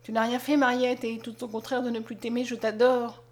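A woman reading the part of a gentle, sorrowful blind young peasant man in an audiobook, speaking softly and low. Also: flat delivery, brisk, close to an everyday voice. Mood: tender. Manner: soft, low and tender.

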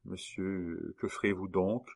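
A man's voice: low-pitched, steady tone, slow, gravelly, exaggerated voice. A man reading an audiobook and voicing a guilt-ridden young woman who murmurs and begs in despair. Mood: pleading.

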